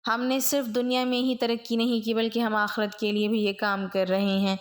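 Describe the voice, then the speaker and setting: A woman's voice: fairly high pitch, little pitch movement. A woman telling a religious story in a solemn tone, speaking directly to her viewers.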